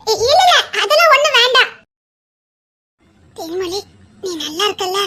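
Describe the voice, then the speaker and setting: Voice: very high voice, big pitch swings, normal speed, bright, forceful tone, heavily acted. A performer playing an emotional young woman with a Tirunelveli Tamil accent, who pleads with her friend and teases her.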